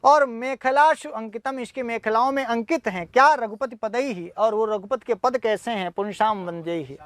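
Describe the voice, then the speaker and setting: A man's voice: extremely high pitch, normal speed, a bit bright, dry recording. A man teaching a class, lecturing emphatically with many rhetorical questions, in a classroom with students. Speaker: Sanskrit teacher.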